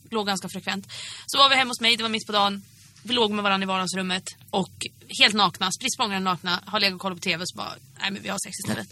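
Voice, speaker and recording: A young woman with a Swedish accent, co-hosting a casual podcast and telling stories with acted-out quotes. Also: medium pitch. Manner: animated storyteller, acts out quotes. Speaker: podcast co-host. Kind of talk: casual chat.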